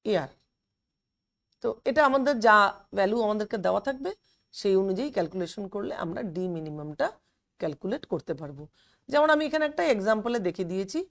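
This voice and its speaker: A woman teacher explaining a physics lesson step by step, with many fillers and English terms. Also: medium pitch. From West Bengal, India.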